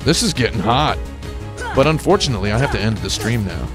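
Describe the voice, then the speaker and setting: A man's voice: medium pitch, very animated, fast. A man streaming a video game with casual, rambling, slangy commentary full of exaggeration. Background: game music and dialogue.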